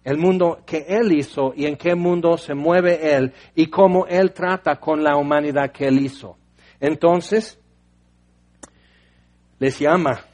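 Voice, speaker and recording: A man preaching a sermon, telling the story in an animated way and acting out voices. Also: a little high, slow.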